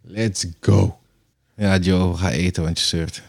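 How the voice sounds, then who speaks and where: A man co-hosting a podcast, talking in a casual, animated way, swearing and dropping English phrases. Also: low voice, brisk. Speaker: podcast co-host. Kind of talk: casual chat.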